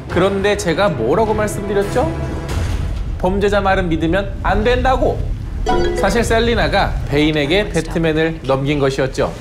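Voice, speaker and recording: A man narrating a scripted film review and recap in an expressive storytelling way. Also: fairly high pitch. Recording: clear background music under voice-over.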